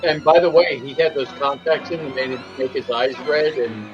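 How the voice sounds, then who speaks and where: A man's voice: medium pitch, normal speed, dull audio. A man in a casual watch-along commentary, chatting and sharing behind-the-scenes trivia. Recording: film music playing behind.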